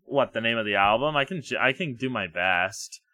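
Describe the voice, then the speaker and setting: A man chatting casually about metal albums on a podcast, relaxed and wry, with lots of fillers. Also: mid-range voice, normal speed, no room sound. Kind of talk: casual music review chat.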